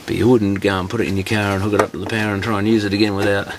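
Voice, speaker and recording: An electronics repair hobbyist presents a teardown, muttering and thinking aloud in casual hands-on commentary. His fairly low voice barely moves in pitch and comes out rapid-fire, with clear background noise and clicks.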